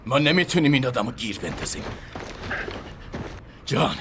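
A man's voice: mid-range voice, sing-song, noisy background, natural voice. An actor playing a bitter, defiant male soldier in a dubbed war drama. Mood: resentful. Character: fed-up male soldier, angry and scared. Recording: music playing behind the voice.

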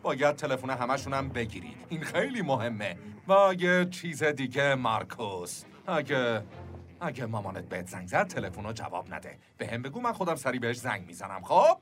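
A man's voice: mid-range voice, very animated, fairly bright tone, a little hiss or hum. A man dubbing a frantic, flustered father. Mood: urgent. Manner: frantic, exasperated. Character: flustered, panicky middle-aged father. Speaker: father of young children. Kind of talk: Persian film dub.

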